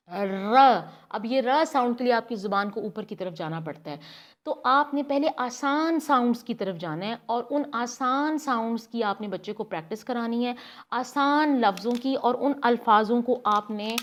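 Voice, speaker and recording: A woman, guiding parents step by step and demonstrating words slowly. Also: fairly high pitch. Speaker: speech therapy guide for parents. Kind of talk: instructional demonstration.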